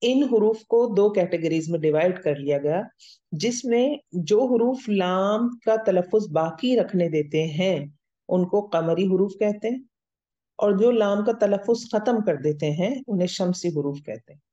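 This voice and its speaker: Female grammar lecturer, patient stepwise explainer, dark tone. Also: mid-range voice, lively intonation, normal speed. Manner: explains step by step, checks understanding with "theek hai?". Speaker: Arabic grammar teacher. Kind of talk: recorded classroom lecture. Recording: dull lo-fi audio.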